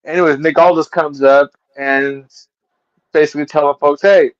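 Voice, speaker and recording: A man's voice: on the high side, flat delivery, moderate pace, smooth, no room sound, dull audio. A man hosting a casual live-stream show, recapping wrestling events at length with stumbling restarts.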